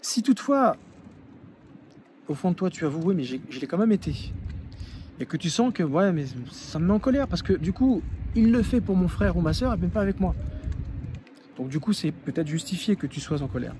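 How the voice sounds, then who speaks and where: A man's voice: high-pitched, animated, normal speed, pauses often, warm tone, slight background noise. A man coaching the viewer directly, earnest and repeating key phrases for emphasis. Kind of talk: advice monologue to the viewer.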